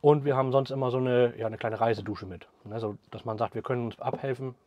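Fast-talking man showing a camper. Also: medium pitch, steady tone, lo-fi sound, noisy background. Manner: fast, trailing off at sentence ends, frequent tag "ne?". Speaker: cabin builder presenting his product. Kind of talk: explaining a product in an interview. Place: inside a small pickup camper cabin.

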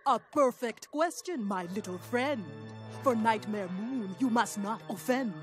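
Woman voicing Zecora, slow rhyming zebra sage. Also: on the high side, close to an everyday voice. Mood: wise. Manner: speaks only in rhyme, slow and hushed. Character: wise mysterious zebra mare storyteller. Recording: over loud cartoon music.

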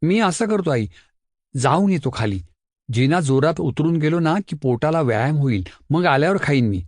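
Brief: man voicing a bright mischievous schoolboy, lively and high. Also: moderate pace, dry recording, clean studio sound. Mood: pleading, eager. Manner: bright, pleading, chatty. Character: mischievous helpful schoolboy, eager and quick-witted.

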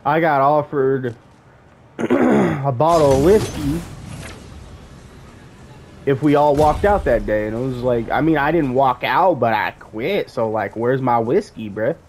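A man's voice: medium pitch, animated, measured pace, darkish tone, a little hiss or hum. A man chatting casually with a friend while gaming, in slangy, profane talk. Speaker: gamer playing with a friend.

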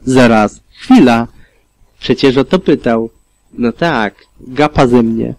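A man's voice: mid-range voice, slow pace, poor audio. Man reading a fan fiction audiobook. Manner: calm, steady reading with small slips. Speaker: audiobook reader.

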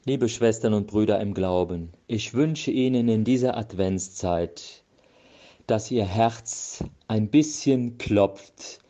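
A male pastor giving a slow, measured Advent sermon. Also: lowish voice, mellow.

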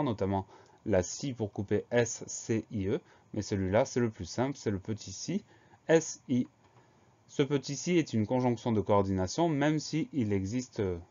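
A man teaching a spelling lesson, spelling words out letter by letter in a slow, careful way. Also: medium pitch, dark tone, lo-fi sound.

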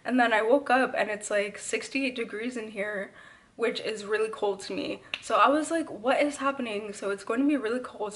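A woman's voice: fairly high pitch, a bit bright. A young woman vlogging casually about her weekend, talking with a slight lisp from her retainer. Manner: chatty, says y'all and like often. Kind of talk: casual vlog chat.

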